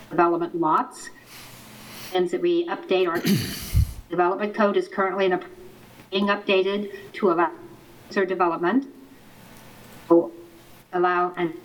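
A woman on staff giving a measured, explanatory planning presentation over a remote video call, and her audio keeps breaking up and cutting out. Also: fairly low pitch. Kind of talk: formal presentation at a public meeting. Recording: distant choppy internet call audio.

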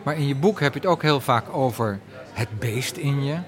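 Over crowd noise, a host with a medium-pitched voice interviews and presents, introducing clips. His questions are probing, and his manner is measured.

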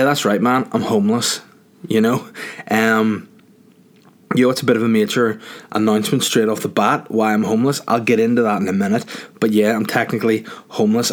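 Man, lowish pitch, comic podcast host, casual monologue, rambling, sweary, mock-indignant. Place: small box room in a house.

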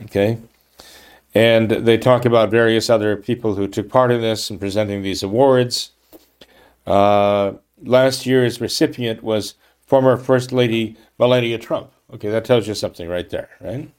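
A man with a lowish, steady, darkish, clean-sounding voice delivers a political commentary monologue at a moderate pace. He reads from a news article and reacts with emphatic indignation, frequently restarting sentences and tacking on "okay? right?"

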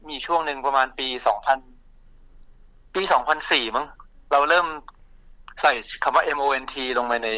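A man speaking as an interview guest, recounting his family shop's story in a relaxed, chatty way with many fillers and restarts. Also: mid-range voice, normal speed, pauses often, dry recording, rough recording.

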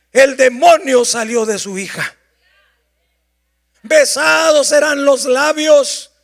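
A male pastor, preaching a sermon with drawn-out emphasis and loud passages. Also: very high voice, gravelly.

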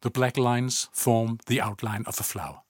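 A man reading a story aloud in calm, even scripted narration, often low and hushed. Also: moderate pace, slightly rough, no echo, studio quality.

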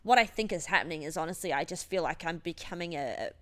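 A woman's voice: fairly low pitch, expressive, fast talker, fairly bright tone. A woman, a gym owner talking in a rambling, emotional, sweary monologue. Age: 30s. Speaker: gym owner and podcast host. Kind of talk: casual monologue.

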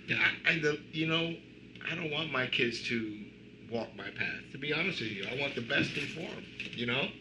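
A man's voice: medium pitch, animated, normal speed, background noise. A middle-aged man from Cuba, a band member guest, telling rambling stories in casual chat with lots of "you know".

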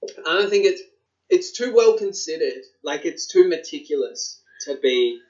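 Sweary Australian man, slightly high-pitched voice. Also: animated, measured pace, a little mellow. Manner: sweary, slangy. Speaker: podcast co-host. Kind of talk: casual chat. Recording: dull, lo-fi sound.

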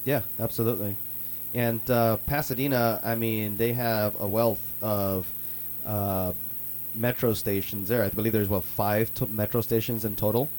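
A man's voice: fairly low pitch, moderate pace, a little hiss or hum. A man hosting a radio talk show, chatting casually and upbeat with lots of fillers. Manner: relaxed, filler-heavy, upbeat.

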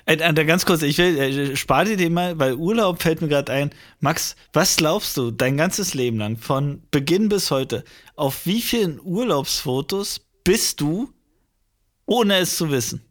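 A man's voice: on the high side, expressive, unhurried, a bit bright. A man co-hosting a podcast, chatting casually in a jokey, teasing way. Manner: jokey, laughs often, teasing. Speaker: podcast co-host. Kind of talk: casual chat.

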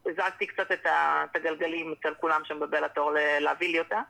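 A woman's voice: vocal fry, rough recording. A young woman, a professional fighter, talking animatedly as a guest in a casual interview. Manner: animated, drops into high acted-out quotes.

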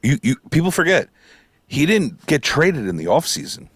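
A man's voice: on the high side, big pitch swings, normal speed, slightly rough, dry recording, studio quality. A man with an American accent in a casual sports debate, opinionated, argumentative and swearing freely.

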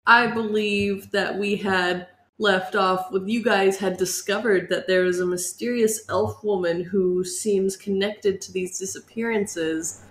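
A woman's voice: medium pitch, steady tone, a little slow, few pauses, fairly bright tone, echoey room, a little hiss or hum. A woman narrating as game master in an informal, conversational way. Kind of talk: casual tabletop game narration.

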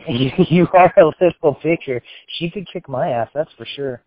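A man's voice: a little high, moderate pace, no room sound. A man hosting a casual chat, talking bluntly and animatedly with frequent swearing. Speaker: podcast host. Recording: tinny phone-like line, dry.

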